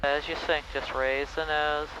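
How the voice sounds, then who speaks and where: A man's voice: a little high, little pitch movement, unhurried. A man working as a flight instructor, explaining step by step how to handle a small airplane. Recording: loud engine and cockpit noise.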